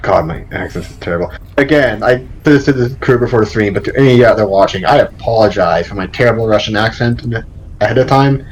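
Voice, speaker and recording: A man's voice: lowish voice, quick pace, a little hiss or hum, rough recording. Dry-humored man player. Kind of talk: casual chat during a live tabletop game.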